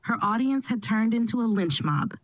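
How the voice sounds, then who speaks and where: A woman narrating a first-person family drama in a steady, dramatic storytelling manner. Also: fairly high pitch, moderate pace, no echo, poor audio.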